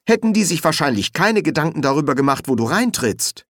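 A man's voice: fairly high pitch, big pitch swings, a little fast, fairly bright tone, dry recording, studio quality, pitched above the performer's own voice. A man voicing an easygoing young male actor who stammers and hedges. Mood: hesitant. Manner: stammering and casual.

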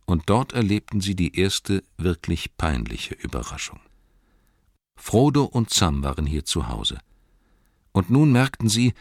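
A man narrates an audiobook in a very low, deep voice, reading steadily and evenly. The recording is dry and close, with no room sound. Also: dry recording.

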